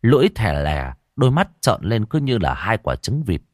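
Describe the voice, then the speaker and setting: A man narrating a horror story in a dramatic, expressive way. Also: lowish voice, normal speed, dry recording, clean studio sound.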